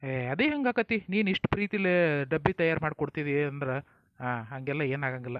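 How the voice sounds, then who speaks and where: A man's voice: a little high, normal speed, dry recording, dull audio. A man with a North Karnataka accent acting in a family comedy skit, folksy and coaxing, sometimes stern. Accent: North Karnataka Kannada.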